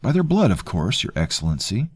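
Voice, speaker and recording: A man voicing an officious, sneering nobleman who speaks in a smooth, condescending way. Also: on the low side, wildly swooping pitch, brisk, no room sound, studio quality, pitched above the performer's own voice, full character voice.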